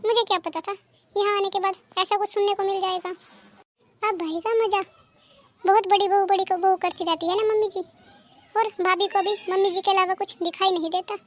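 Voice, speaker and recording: A woman's voice: very high-pitched, steady tone, fairly quick, dull audio. A woman voicing a scheming, gossiping younger daughter-in-law in a cartoon. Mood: sly. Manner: sly, sweet-talking. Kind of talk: cartoon dubbing.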